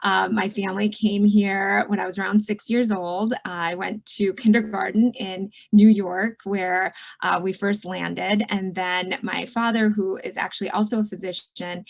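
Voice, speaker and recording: A woman's voice: medium pitch, flat delivery, measured pace, creaky, few pauses. A middle-aged woman physician from Michigan giving a casual, friendly online presentation, talking over a video call with frequent ums and you-knows. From Michigan, USA. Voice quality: warm, chatty, many fillers. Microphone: video call mic.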